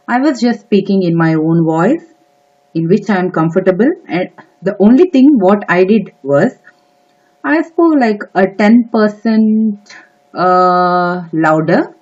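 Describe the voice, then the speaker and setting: A woman's voice: on the low side, a little mellow. A woman teaching test-prep tips in a spoken lesson, giving instructions and repeating key advice, with some hesitant fillers. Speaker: exam prep tutor. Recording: slightly dull lo-fi audio.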